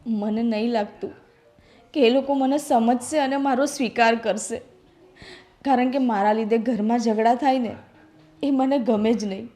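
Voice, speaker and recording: Hurt young bride from a poor home , played by a woman, tearful, a bit high. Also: moderate pace, dark tone, faint music behind, lightly acted. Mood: resigned. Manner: tearful, pleading, defensive. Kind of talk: family drama acting.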